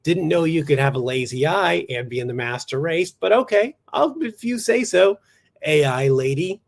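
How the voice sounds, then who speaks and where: A man hosting a solo comedy podcast in a studio, ranting sarcastically with deadpan asides and bursts of mock outrage. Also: a little high, normal speed, gravelly. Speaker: podcast host.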